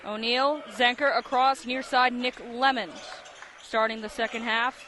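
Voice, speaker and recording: A very high, sharp-toned male voice provides live play-by-play of a basketball game on radio, keeping a steady tone and measured pace. He describes the action in terse, vivid phrases. Gym sounds, game ambience and a bouncing ball come through on the live broadcast.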